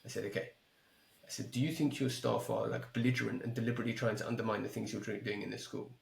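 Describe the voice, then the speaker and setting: A man speaking as a podcast guest over a remote call, telling an anecdote in a lively, casual way and acting out both sides of the conversation. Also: on the low side, quick pace, vocal fry, reverberant. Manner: animated, repeats himself, acts out both sides of conversations. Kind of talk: casual storytelling. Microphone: headphones with mic, remote call.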